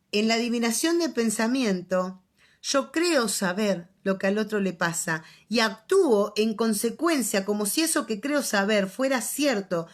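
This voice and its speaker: A woman with an Argentine accent giving an online psychology class, chatty and joking, often checking in with her students. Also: mid-range voice. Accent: Argentine Spanish. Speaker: psychology teacher. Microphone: video call microphone.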